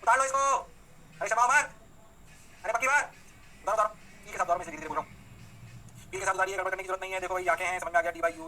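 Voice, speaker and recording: A man's voice: on the high side, pushed and bright, a little hiss or hum, low-quality recording. A man teaching physics in a lecture. He talks energetically, coaxes his students along and answers for them in call and response. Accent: Hindi. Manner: fast, rapid-fire explanations.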